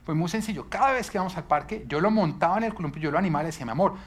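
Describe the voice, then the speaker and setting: A man's voice: sits high, racing. Emphatic male pastor preaching. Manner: emphatic, rhetorical questions. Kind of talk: sermon.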